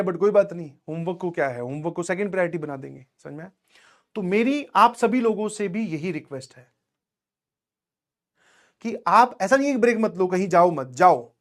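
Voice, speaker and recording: A coaching teacher with a high voice teaches and motivates students in a casual, storytelling style. He often checks in with his listeners and mixes in English words.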